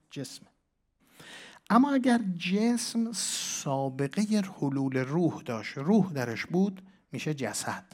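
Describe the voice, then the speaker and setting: Man teaching scripture, repeating words. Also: mid-range voice. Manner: explanatory, repeats words for emphasis, asks the audience rhetorical questions. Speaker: Quran teacher. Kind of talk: religious lecture on scripture.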